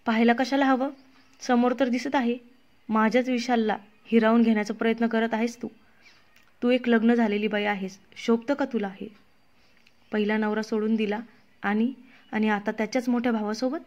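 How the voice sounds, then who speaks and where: A woman voicing a jealous young woman who accuses and threatens her rival in a sharp, scornful way. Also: on the high side, fairly even intonation, brisk, lo-fi sound, lightly acted. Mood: angry.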